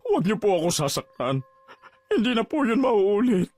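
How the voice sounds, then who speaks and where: A once-proud father and boss pleads and breaks down, as a man plays him. His high voice swings widely as he talks in a dramatized horror story. Faint music sits behind him. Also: very animated, fairly bright tone, dry recording. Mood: pleading. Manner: pleading, distraught, quick to break down. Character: proud middle-aged father and boss, now broken.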